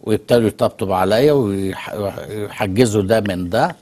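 Fast-talking Egyptian man, husky low voice. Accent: Egyptian Arabic. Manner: storytelling, calm and explanatory. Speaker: guest expert on immigration. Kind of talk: studio talk show conversation.

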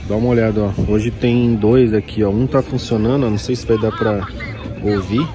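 A man's voice: lowish voice, steady tone, brisk, crowd noise. A man with a Brazilian Portuguese accent, casually and eagerly showing off toys at an outdoor street market while filming on a handheld phone. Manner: casual, enthusiastic, constantly pointing things out. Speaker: vlogger browsing toy stalls. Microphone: handheld phone camera. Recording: outdoor street with music and traffic.

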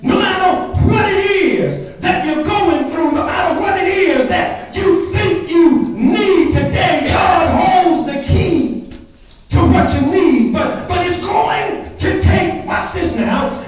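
High slow church preacher guy, repeats himself, shouts, big echoey sanctuary heard from far off, faint organ. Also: some chatter behind. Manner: impassioned, repeats words, rises to shouts. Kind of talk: sermon. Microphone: pulpit mic, camera at the back of the room.

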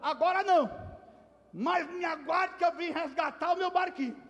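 A man's voice: very high voice, moderate pace, fairly bright tone, dull audio. A preacher voicing a young boy who loves his toy boat, exclaiming and pleading as part of a sermon story. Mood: earnest. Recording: long hall reverb.

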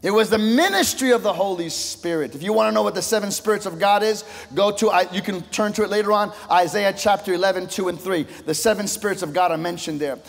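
A male pastor delivers a sermon with fervor, his voice climbing loud and then falling to a hush. His voice sits high for a man. The sound rings with the long echo of a large church sanctuary. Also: fast talker, gravelly, hardly any pauses. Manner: impassioned preaching, voice swelling and dropping low.

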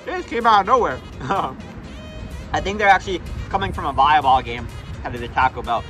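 A young male food vlogger with a high, bright voice talks through a fast food review. He keeps it casual and jokey, calling his viewers guys, recorded outdoors with faint music in the background. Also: low-quality recording.

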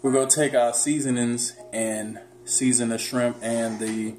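Here a fitness vlogger in his thirties walks viewers through making dinner alongside his daughter, joking with them and speaking right to the camera. His delivery is flat and unhurried in a mid-range voice. Recorded indoors on a camera mic resting on the counter, the kitchen sounds echoey and noisy.

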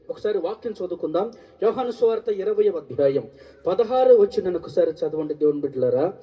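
A man's voice: high-pitched, far from the mic, lo-fi sound. A male pastor preaching a sermon, calling out to the congregation and repeating key phrases for response.

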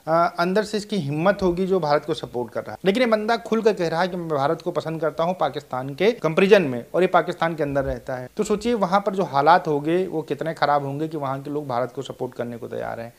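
Male commentary host, slightly high voice, explanatory tone. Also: fast talker, hardly any pauses. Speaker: reaction video host.

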